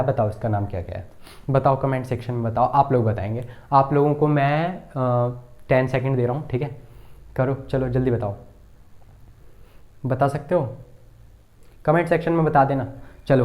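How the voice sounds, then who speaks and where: A man's voice: mid-range voice, muffled recording. A man teaching a computer lesson at a board, asking the class questions and repeating key terms with frequent checks.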